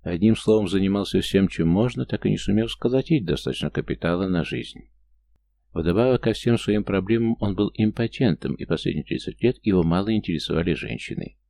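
A male audiobook narrator with a deep, gravelly voice. His tone is dark and mellow. He reads the story in a measured, steady way. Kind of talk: scripted narration.

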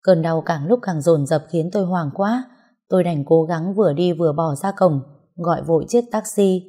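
Low, mellow woman narrator. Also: normal speed, breathy edge. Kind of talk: first-person scripted story narration.

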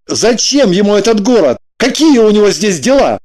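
A man's voice: sits high, very animated, moderate pace, darkish tone. A man voicing a dry, sardonic man in an audiobook, matter-of-fact and mocking.

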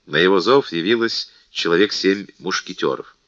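A man narrating an audiobook in an expressive, theatrical reading style. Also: low voice, normal speed, no room sound, dull audio. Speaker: audiobook reader.

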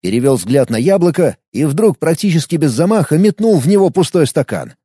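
Animated male audiobook narrator. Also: fairly high pitch, fairly quick, husky, dry recording, clean studio sound. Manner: animated storytelling.

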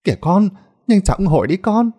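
A man's voice: high-pitched, very animated, fast talker, mellow, pitched above the performer's own voice. A man doing a timid, stammering peasant woman. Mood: gentle. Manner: stammering, begging, tearful. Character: timid pleading middle-aged peasant woman.

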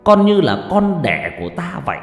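A man voicing a gentle, dying old male sorcerer master who talks slowly and weakly, in a storybook narration. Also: sits high, wildly swooping pitch, pitched above the performer's own voice, full character voice. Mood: tender. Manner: slow, weak and drawn-out speech. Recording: roomy reverb with faint music.

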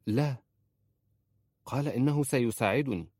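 A man's voice: medium pitch, measured pace, dark tone, husky, dry recording, studio quality, pitched above the performer's own voice. A man voicing an earnest young wife who pleads with her uncle in a story reading. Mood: pleading.

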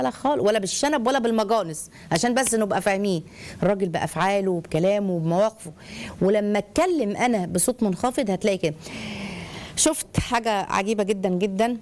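A middle-aged woman with an Egyptian accent, giving family advice on a live call-in show in an animated way. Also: mid-range voice. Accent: Egyptian Arabic. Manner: animated, acts out shouting voices in stories. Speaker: family counselor answering viewers.

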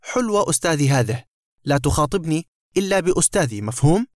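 A man reading a story aloud, voicing a boastful burglar who mocks and threatens at gunpoint in a fairly high voice. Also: big pitch swings, fast, a little mellow, dry recording, studio quality. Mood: menacing. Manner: mocking, threatening. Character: sarcastic menacing male burglar, boastful.

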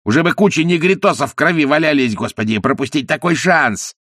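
A man's voice: a little high, fairly quick, a bit bright, dry recording, clean studio sound, pitched above the performer's own voice. A man voicing a brash, foul-mouthed colonial timber merchant who snarls and curses. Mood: snarling. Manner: snarling, crude, cursing.

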